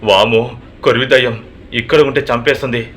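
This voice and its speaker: A man's voice: medium pitch, steady tone, moderate pace, a bit bright, close to an everyday voice. A man voicing a frightened young man fleeing a ghost in a horror story, panicked and pleading.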